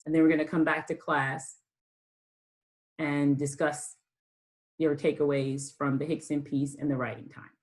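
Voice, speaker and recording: A lower-pitched woman leads a college writing class over a video call. She speaks casually and often pauses with ums and restarts. Her voice sits on the deep side for a woman. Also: level tone, low-quality recording. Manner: hesitant, many ums and restarts. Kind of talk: online class lecture.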